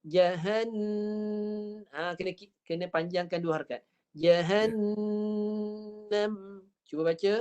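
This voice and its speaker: A woman with a Malaysian accent teaching Quran recitation over a video call. She demonstrates each sound slowly and repeats it patiently. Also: fairly low pitch, fairly even intonation. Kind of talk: online tajwid lesson.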